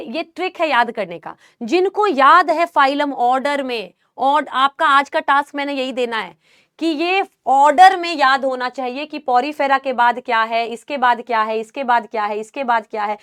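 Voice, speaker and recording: A woman biology teacher, lecturing a class and drilling a memory trick through slow repetition. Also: sits high, a bit bright. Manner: slow drilling repetition, addresses students as beta.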